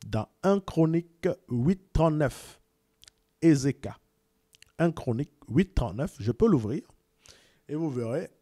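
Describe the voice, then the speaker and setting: Mellow-voiced Cameroonian man explaining. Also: medium pitch, no echo, clean studio sound. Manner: repeats words, sends greetings to viewers. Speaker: video presenter. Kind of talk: casual explanatory talk.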